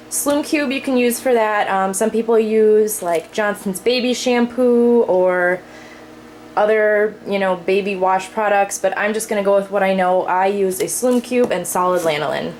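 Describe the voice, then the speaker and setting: A woman's voice: medium pitch, slight background noise, poor audio. A young woman, a parent, chatting casually through an unscripted how-to demonstration at her kitchen sink, explaining as she works with plenty of fillers. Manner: chatty, lots of fillers, explains while working. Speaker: parent showing cloth diapering care.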